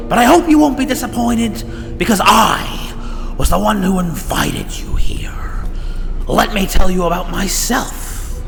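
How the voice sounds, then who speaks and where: A man's voice: sits high, gravelly, fairly bright tone, full character voice. An actor playing the Joker, an unhinged, cackling male villain with a theatrical, drawling, menacing delivery that shifts suddenly. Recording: long reverb, music underneath.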